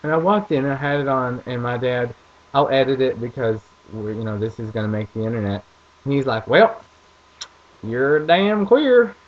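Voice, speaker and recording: A man's voice: mid-range voice, fairly even intonation, brisk, dull audio. A young man with a rural American accent, telling rambling self-deprecating stories in a casual vlog. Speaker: vlogger.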